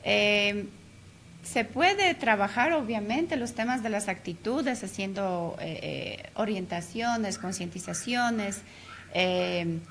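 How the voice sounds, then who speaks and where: A woman's voice: on the high side, a little hiss or hum. Hesitant woman explaining on radio. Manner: explanatory, many hesitation fillers. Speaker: interview guest, language teacher. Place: radio studio.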